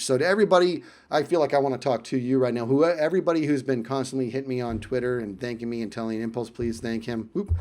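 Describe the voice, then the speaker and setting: In a mid-range voice, a man tells a personal story in a casual vlog style. He is animated and emphatic, often repeating phrases for effect.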